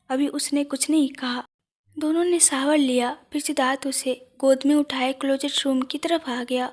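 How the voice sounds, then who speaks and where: A woman narrating a romantic audio story in a calm, steady reading voice. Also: high voice.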